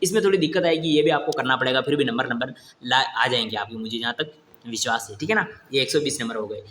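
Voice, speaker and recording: A man's voice: medium pitch, fast, a bit bright, echoey room, a little hiss or hum. A young man, teaching an exam coaching lesson in a casual, encouraging way and often checking that students follow. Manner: repeats "ठीक है ना?" to check understanding, encouraging.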